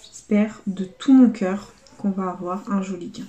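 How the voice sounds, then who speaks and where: A young adult woman commenting casually to her viewers as she scratches lottery tickets, spelling out letters and swinging between dread and excitement. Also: mid-range voice, unhurried, reverberant.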